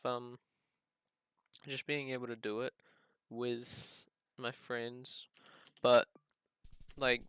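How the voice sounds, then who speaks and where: Man, gaming streamer, casual rambling commentary, bright crisp voice, thinking aloud. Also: mid-range voice, dry recording. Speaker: gaming content creator and live streamer. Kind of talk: casual chat over gameplay.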